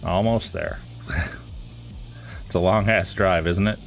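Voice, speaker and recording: A streamer with a very low, slow, gravelly voice rambles casually and relaxedly through live gameplay commentary. He sounds stuffy and congested from a cold, and faint music plays in the background.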